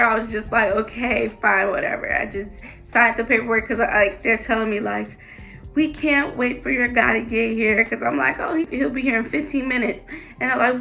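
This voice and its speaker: A young woman vlogger chatting casually to the camera and telling a personal story, full of "like" fillers and animated retellings. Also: fairly high pitch, gravelly.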